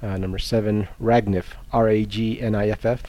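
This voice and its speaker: A man's voice: fairly low pitch, level tone, normal speed, mellow. A man co-hosting a podcast in casual chat, running a quiz, reading out and spelling words, with frequent laughs. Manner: reads and spells out words, laughs often, offhand.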